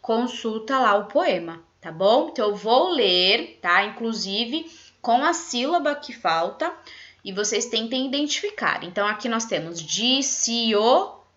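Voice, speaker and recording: A woman teacher with a Brazilian Portuguese accent speaks slowly to young children, with a lively, sing-song pitch that climbs high. She draws out her syllables. Her bright voice comes through a dull, lo-fi recording. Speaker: primary school teacher. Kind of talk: video lesson for young children.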